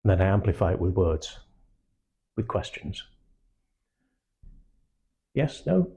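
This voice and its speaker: An older man with a hard-to-place English accent and a husky, mellow voice, running a sales training session for a small room. He talks bluntly and animatedly, swears casually and acts out little quotes. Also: deep voice, sing-song, slow. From Manchester, England. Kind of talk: live training talk to a small group.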